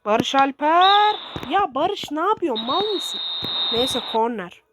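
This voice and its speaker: A woman giving excitable, swearing commentary while playing a football video game, shouting at her players. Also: high-pitched, slow. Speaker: gaming streamer. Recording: loud background noise with clicks.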